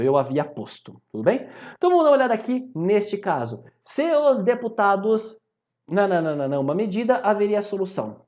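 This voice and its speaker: A man's voice: high-pitched, dull audio. A man with a Brazilian accent teaching grammar in a video lesson, often checking in with his students. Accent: Brazilian Portuguese. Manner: animated, repeats "maravilha?" and "tá?" to check in with students.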